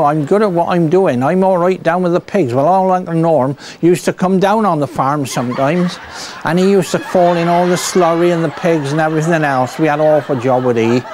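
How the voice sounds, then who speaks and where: A man's voice: fairly high pitch, normal speed, noisy background, close to an everyday voice. A man with a Somerset accent playing a cheerful, bumbling rustic farmer in a stage comedy act, rambling folksily and tagging his lines with "see" and "look". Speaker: comic performer. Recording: piano music playing behind.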